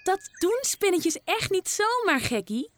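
Woman reading as a cheeky little girl, high lively voice, teasing, storybook. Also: unhurried, slight background noise, full character voice. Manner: teasing, bold.

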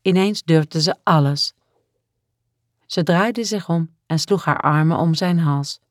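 A woman calmly and steadily narrating a romance novel as an audiobook. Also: fairly low pitch, dry recording, studio quality. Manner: calm and measured.

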